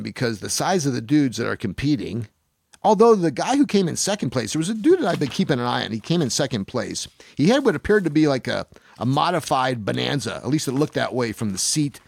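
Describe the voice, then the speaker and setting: A man's voice: medium pitch, vocal fry, no room sound. A man in his sixties hosting a casual podcast, rambling through stories, swearing freely and acting out what people said. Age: 60s. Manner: rambling storyteller, swears freely, acts out quotes. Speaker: podcast host.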